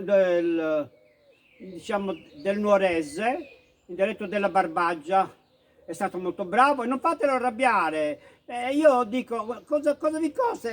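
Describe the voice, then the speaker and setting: A man playing a fussy woman teacher of a comic dialect class, with a bossy way of checking in with her pupils. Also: high voice. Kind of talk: comic sketch.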